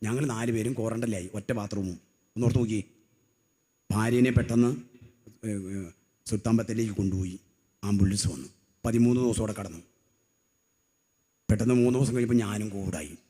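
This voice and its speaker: A middle-aged man preaching a sermon. He tells stories in a low voice, then loudly calls on the congregation to repeat his words after him. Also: brisk, pauses often, breathy edge. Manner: rousing call-and-response, has the crowd repeat after him; swings from loud emphatic cries to low storytelling. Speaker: lay preacher.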